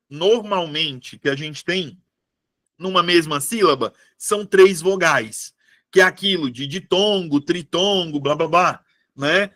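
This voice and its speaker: A young Brazilian man with a high, light voice teaches Portuguese in a live online prep class. He talks in a lively, chatty way and keeps checking in with his students by name. The sound is dry and close, with no room around it. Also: dry recording. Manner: lively, addresses students by name and as "meus amores".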